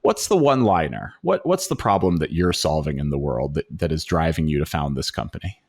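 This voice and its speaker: A man's voice: extremely low pitch, expressive, a little fast. A middle-aged man hosting a podcast, reading an upbeat scripted intro and then chatting with a guest in an enthusiastic way. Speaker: podcast host.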